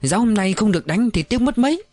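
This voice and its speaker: A man voicing a spirited young village militia woman, speaking in a lively and eager way. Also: medium pitch, fast talker, no echo, soft background music, voice pushed up.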